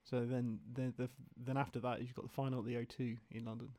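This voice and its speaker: A man from a band sits in as a guest on a radio show, talking quickly and eagerly. He keeps restarting his sentences as he goes. The studio sound is dry and close. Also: medium pitch, flat delivery, mellow, no room sound. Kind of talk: casual radio interview.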